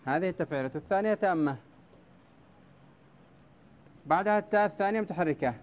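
A male teacher in a classroom, going over poetic meter at the board, drawing words out slowly syllable by syllable and calling on students by name. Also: sits high, lo-fi sound. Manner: quizzes students by name, brief praise. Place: classroom with a blackboard.

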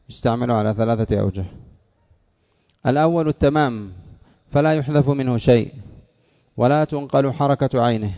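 A man teaching a grammar lesson who reads from a text, asks his listeners questions and answers them himself, slowing down to spell out example words. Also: medium pitch, vocal fry, muffled recording. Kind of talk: classroom lesson reading and explaining a text.

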